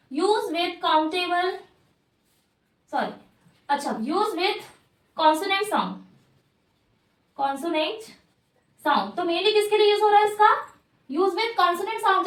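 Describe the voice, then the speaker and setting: A woman teacher with a very high voice explains grammar, asking her own questions and answering them. She sounds some way off the mic, and the room around her is echoey. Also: fairly bright tone, distant mic. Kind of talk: English grammar lesson in Hindi.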